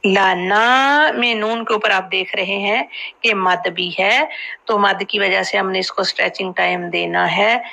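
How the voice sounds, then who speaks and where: A woman teaching Quran recitation rules, explaining quickly and then drawing out each recited word slowly. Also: medium pitch, vocal fry, pushed and bright, low-quality recording. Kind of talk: tajweed lesson, explaining and slowly modeling recitation.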